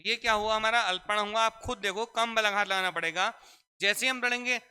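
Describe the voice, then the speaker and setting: A man's voice: sits high, fairly even intonation, brisk, bright, forceful tone, clear, resonant tone, faint music behind. A man teaching a classroom grammar lesson, repeatedly asking questions and answering them himself. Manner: repetitive call-and-response questioning. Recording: echoey hall reverb.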